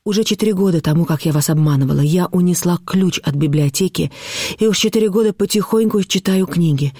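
A man's voice: high-pitched, brisk, warm tone, no echo, clean studio sound, pitched above the performer's own voice. A man reading aloud and voicing a desperate young woman who speaks urgently as she confesses. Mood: confessing.

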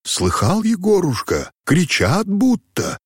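A man's voice: sits low, wildly swooping pitch, unhurried, slightly rough, dry recording, studio quality, heavily acted. A man voicing a frightened, pious old male servant who pleads anxiously. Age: older. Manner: fearful, pleading.

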